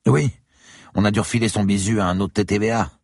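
A man voicing an evasive young male student who answers police questions in an offhand, defensive way, with a husky voice. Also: lowish voice, fairly even intonation, fast talker, darkish tone, no echo, studio quality, pitched above the performer's own voice.

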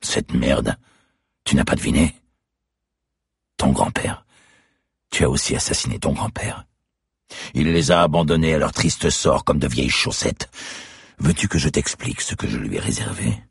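A man voicing a gravelly, sneering masked killer. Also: extremely low pitch, animated, no room sound, clean studio sound, exaggerated voice. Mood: menacing. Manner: sneering, taunting, slow and deliberate. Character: masked young male killer, cold and mocking.

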